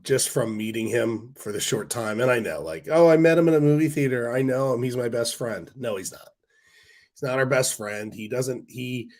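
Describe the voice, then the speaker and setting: Hoarse from a cold, a man hosts a casual stock-market livestream, rambling through viewer comments with fillers and restarts. His voice sits at medium pitch and sounds a little mellow.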